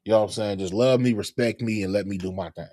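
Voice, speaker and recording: A middle-aged man, a comedian hosting a live talk show, talking in a relaxed, rambling way. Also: lowish voice, fast, dry recording, clean studio sound. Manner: relaxed, rambling, lots of fillers. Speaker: podcast host, comedian. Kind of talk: casual chat.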